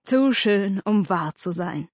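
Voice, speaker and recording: A woman voicing a weary middle-aged father who speaks calmly and resignedly, in a storybook reading. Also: medium pitch, takes it slowly, husky, no echo. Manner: calm, resigned. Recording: slightly dull dry recording.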